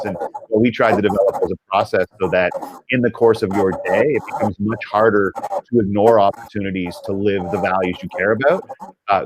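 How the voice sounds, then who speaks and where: A Canadian man, a leadership speaker, telling a story in an animated, conversational way and acting out the quotes. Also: lowish voice, background noise. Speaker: podcast guest, leadership speaker.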